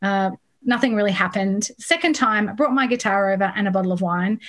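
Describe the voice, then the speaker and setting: A woman in her thirties chats about her craft in a relaxed interview. She laughs often and slips into lively, animated voices when quoting herself. Her pitch and tone sit right in the middle for a woman. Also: fairly quick. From Australia. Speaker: songwriter guest. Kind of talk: casual interview chat.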